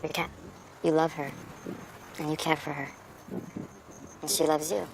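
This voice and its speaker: An actress playing an intense, coaxing acting coach. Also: female voice, deep voice, level tone, measured pace, vocal fry, background noise. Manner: coaxing, theatrical, mimics a cat. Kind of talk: film comedy acting.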